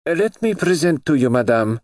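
A man's voice: fairly high pitch, very animated, moderate pace, a little mellow, dry recording, studio quality, voice pushed up. A man doing a solemn old princess. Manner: solemn, fussy. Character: stout aristocratic older princess, dignified lady-in-waiting. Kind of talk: audiobook character voice.

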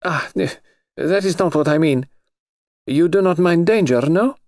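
A man's voice: fairly high pitch, unhurried, a little mellow, dry recording, clean studio sound, voice pushed up. A male narrator voicing a stout, dignified older princess who is solemn and fussy. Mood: probing. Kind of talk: audiobook character voice.

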